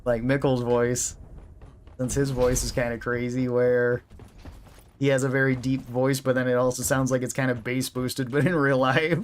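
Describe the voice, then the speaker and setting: A man's voice: medium pitch, little pitch movement, normal speed, slight background noise. A man giving casual, chatty commentary while streaming a video game, laughing often. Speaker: gaming streamer.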